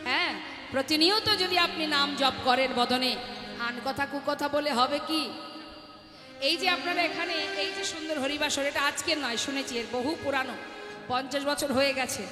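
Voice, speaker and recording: A woman's voice: sits high, normal speed, bright, forceful tone. A woman kirtan singer preaching and chanting to a crowd, calling the listeners mother and father as she urges them on. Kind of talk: devotional sermon with chanting. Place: large hall at a devotional gathering. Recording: echoey hall with music behind.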